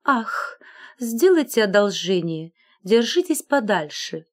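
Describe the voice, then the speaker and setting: A woman's voice: mid-range voice, big pitch swings, slow. A woman voicing a prim, prudish female garter who stiffly rebuffs a suitor. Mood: prim refusal. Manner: prim, offended, standoffish.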